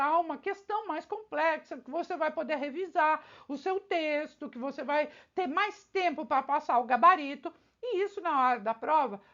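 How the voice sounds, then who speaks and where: A woman teacher going through exam questions for her students, talking straight to the viewer with frequent rhetorical questions. Her voice sits very high and swoops a lot. The recording sounds a little dull and lo-fi. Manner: talks straight to the viewer, with many rhetorical questions and check-ins. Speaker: teacher preparing students for civil service exams. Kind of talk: exam-prep lesson.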